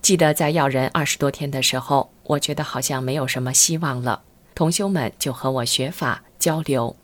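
A middle-aged woman reads her first-person account aloud in a low, deep voice. She tells it earnestly and keeps a steady pace. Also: normal speed.

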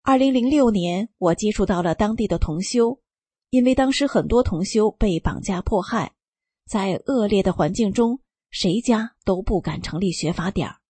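A woman reading a first-person testimony aloud, telling it in a calm and steady way. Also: medium pitch, moderate pace, husky, no echo. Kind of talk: scripted narration.

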